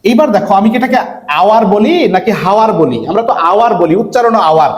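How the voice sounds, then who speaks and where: Guy from bangladesh tutoring english online, high voice bouncing all over, keeps quizzing students then answering himself. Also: lively intonation. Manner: asks students questions and answers them himself, repeating words slowly. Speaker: English admission-test tutor. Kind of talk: online lecture.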